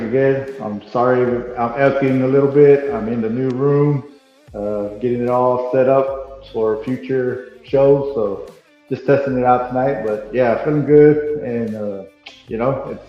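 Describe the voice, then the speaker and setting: A man chatting casually as a podcast co-host over a video call, his voice ringing with big hall echo from a half-empty new room. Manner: easygoing, loose and chatty. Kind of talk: casual fan chat. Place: newly painted room still being set up. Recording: booming hall echo, dull lo-fi sound, faint music.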